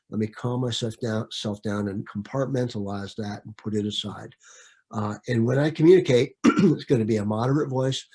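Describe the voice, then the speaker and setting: A man's voice: mid-range voice, warm tone, breathy edge. A man leading a training session in a conversational way, with frequent fillers and repeated words. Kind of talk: training presentation.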